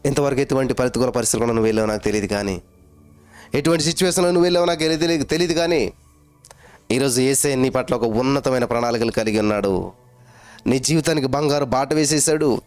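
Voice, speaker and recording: A man's voice: medium pitch, darkish tone, clear, resonant tone. Fervent man preaching over faint music. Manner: fervent preaching with repeated hallelujahs and chanted phrases; mixes in English phrases, drawn out slowly. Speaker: pastor. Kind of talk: sermon.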